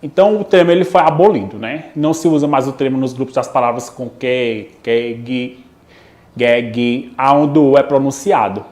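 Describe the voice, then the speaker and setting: A male teacher with a Brazilian Portuguese accent from Pernambuco gives a recorded online lesson. He talks in an explanatory way, often checks in with "né?" and "ok?", and slows down to draw out each example word. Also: medium pitch, a little mellow. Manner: explanatory, frequent "né?" and "ok?" check-ins, drawn-out example words.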